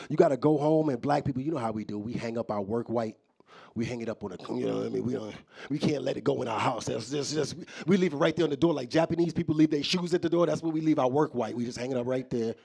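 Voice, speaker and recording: A man's voice: mid-range voice, fast, gravelly, darkish tone, husky. A man from New performing a live stand-up set, talking loosely and straight to the crowd. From New York. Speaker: stand-up comedian. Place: live comedy show in an office building.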